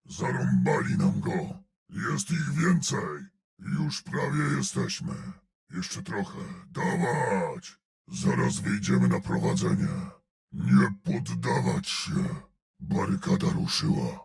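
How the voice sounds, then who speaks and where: An actor voicing a huge, gruff male brute in a video game, growling out terse battle callouts and dry sardonic remarks in a gravelly voice. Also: deep voice, wildly swooping pitch, slow pace, exaggerated voice.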